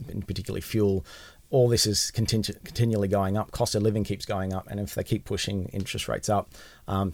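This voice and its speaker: An Australian man talks as a finance guest on a podcast, explaining in a casual, hedging way. His voice sits fairly low with a clear gravelly creak. The recording is dry and close. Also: a little mellow, no room sound.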